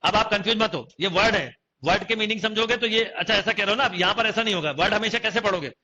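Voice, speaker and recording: Bright, high-voiced man teaching maths. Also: quick pace, a little hiss or hum. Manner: questioning students, repeating phrases. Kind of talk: online coaching class lecture. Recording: dull lo-fi class recording.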